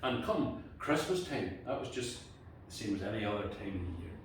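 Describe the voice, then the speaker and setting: In a fairly low, sing-song voice and a brisk pace, a Northern Irish man from Antrim spins a folk tale live in everyday language, leaning on repeated phrases. He's a storyteller at a cottage gathering indoors. The recording picks him up from afar in a very echoey room, with faint background noise.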